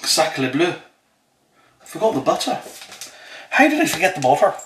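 Playful dad in an echoey kitchen. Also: male voice, high voice, big pitch swings, fast, slight background noise. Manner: playful, chatty, explaining each step. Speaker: father and vlogger. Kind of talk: casual home cooking vlog. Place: home kitchen. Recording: echoey kitchen with clattering dishes. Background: clinking cutlery, pots and dishes.

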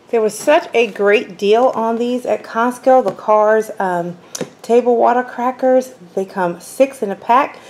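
A woman's voice: medium pitch, a little mellow, slight background noise, rough recording. A woman talking through her grocery haul for a vlog in her home kitchen, chatty and enthusiastic, with rain faintly outside. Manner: chatty, enthusiastic product rundown. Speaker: vlogger.

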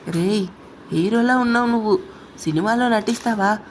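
A woman's voice: mid-range voice, moderate pace, a little hiss or hum, lightly acted. A woman voicing a heartbroken young woman who is drunk and crying, her speech slurred and angry.

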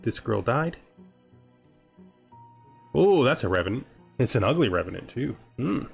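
Hosting a casual let's-play of a strategy game, a man with a gravelly, slightly rough mid-range voice speaks in an unhurried sing-song. Soft music plays behind him while he reads event text aloud, thinks out loud, and puts questions to himself.

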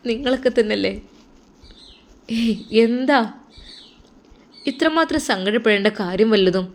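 Consoling younger brother, soft and reassuring, voiced by a woman. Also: a little high, expressive, unhurried. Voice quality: soothing, reassuring. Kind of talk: storybook narration.

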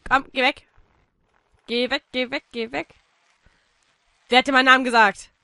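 German woman, high bright voice, dry close sound, silly game commentary with shouty outbursts. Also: level tone, normal speed, no echo. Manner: silly, bursts of shouting, narrates in mock-story tone. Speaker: gaming YouTuber. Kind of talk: playful let's-play commentary.

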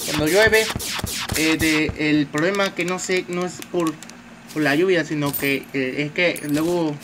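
A gamer gives loose, chatty commentary on a game at a measured pace, tossing in filler words constantly, especially "tío," and swearing at enemies. His voice sits somewhat high for a man, and a steady hiss of noise runs behind the phone-mic recording.

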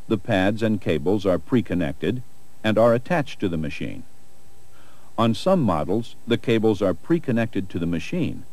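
A man's voice: on the low side, a little mellow. A man reading scripted narration for a training video in an instructional style.

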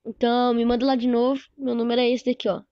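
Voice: mid-range voice, little pitch movement, fast talker, no room sound, dull audio. A gaming streamer from Brazil, chatting casually and slangily while reacting to a video. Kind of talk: casual chat over gameplay.

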